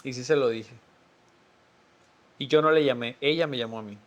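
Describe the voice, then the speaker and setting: A man, a podcast guest telling a personal story in a sincere, emotional, quietly reflective way. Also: medium pitch, normal speed, dull audio.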